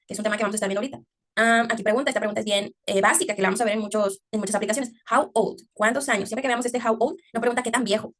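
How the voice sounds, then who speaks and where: Fast-talking woman teaching an English class. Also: on the high side. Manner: explanatory, checks understanding with frequent "ok?"; slows down to exaggerate English pronunciation. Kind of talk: online English class taught in Spanish.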